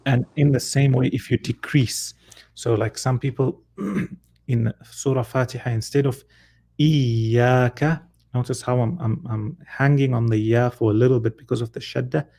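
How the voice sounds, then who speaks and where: Man, Quran reading teacher, patient step-by-step explanations, gravelly, dark tone. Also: mid-range voice, fairly even intonation, normal speed. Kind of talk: one-on-one lesson.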